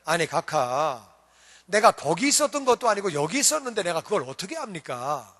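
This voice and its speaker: A man voicing a male legislator who complains while drunk and then begs forgiveness, in a high bright voice with long hall reverb. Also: big pitch swings, brisk, heavily acted. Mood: protesting. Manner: indignant, then begging and stammering.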